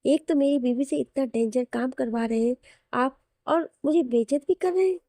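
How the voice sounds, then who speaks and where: A man's voice: very high-pitched, normal speed, mellow, no room sound, studio quality. A woman voicing a mischievous young husband who teases his wife and friend. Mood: mock-indignant. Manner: mischievous, teasing. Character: playful teasing young husband.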